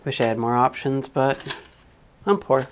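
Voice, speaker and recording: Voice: medium pitch, expressive, unhurried, slight background noise. A live-streamer chatting casually while wiring a 3D printer in a small hot room at home, muttering to themselves and swearing now and then. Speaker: livestreamer building a 3D printer.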